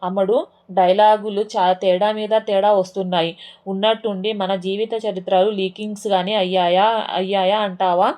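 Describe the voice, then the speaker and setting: A woman's voice: mid-range voice, little pitch movement, moderate pace, warm tone, close to an everyday voice. Jittery, suspicious comic uncle, read by a woman narrator. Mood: worried.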